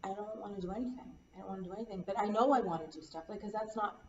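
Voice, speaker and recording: A woman playing a counseling client, talking in a halting, weary, despondent way and repeating herself. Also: medium pitch. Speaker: role-play client in a counseling practice session. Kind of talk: acted counseling role-play. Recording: echoey room, distant dull mic, faint hiss.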